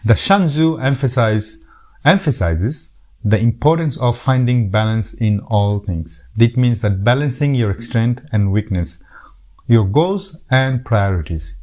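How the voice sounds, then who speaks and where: Speaking in a fairly low, slightly mellow voice, a middle-aged YouTube host from Bangladesh gives heartfelt, casual advice to the camera. His Bangladeshi accent comes through, and he frequently repeats words and starts his sentences over.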